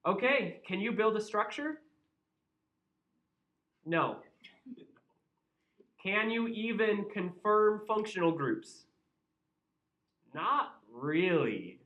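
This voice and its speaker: Man, midwestern accent, chemistry teacher, joking and conversational, somewhat high voice, dull lo-fi classroom sound. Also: expressive, drawn-out words, long pauses, roomy sound, recorded from a distance. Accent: Midwestern American. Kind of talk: classroom lecture.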